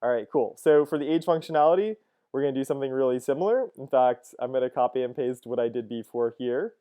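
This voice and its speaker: Mellow-voiced man teaching code. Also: medium pitch, fast, clean tone. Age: 30s. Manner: casual, thinks aloud with frequent "uh" and "cool, cool". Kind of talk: screen-recorded coding lesson.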